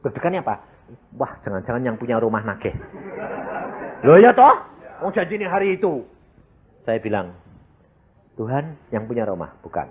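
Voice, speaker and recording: A man preaching a sermon in with a lilt, telling a story and acting out the other voices with big jumps in pitch. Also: sing-song, normal speed, pauses often, a little hiss or hum. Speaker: pastor. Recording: phone-like narrow sound.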